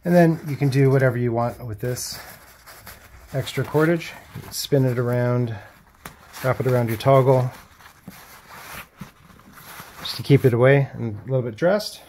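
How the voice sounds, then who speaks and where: A middle-aged man hosting a bushcraft channel, giving calm, practical step-by-step instructions outdoors in a park. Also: mid-range voice, normal speed, a little hiss or hum.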